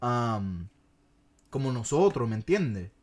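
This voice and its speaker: A relaxed man chatting on a podcast at an unhurried, slow pace. He drifts between English and Spanish within a sentence and laughs easily as he tells his stories. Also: medium pitch. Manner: laughs often while telling stories. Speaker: podcast co-host, language learner. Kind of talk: casual bilingual chat.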